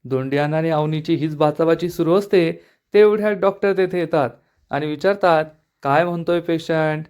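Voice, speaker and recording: Brief: male recap narrator, plain storytelling, a bit high-pitched. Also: fairly even intonation, fairly quick, darkish tone. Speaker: serial episode recap narrator.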